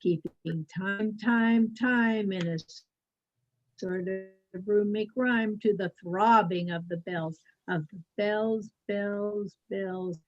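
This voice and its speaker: A woman reciting a poem slowly and deliberately, shaping her voice to each word, over a laptop video call whose audio glitches, freezes and cuts out. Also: medium pitch, muffled recording. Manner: slow, deliberate, voice shaped to match each word. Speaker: storyteller. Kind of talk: dramatic poetry reading.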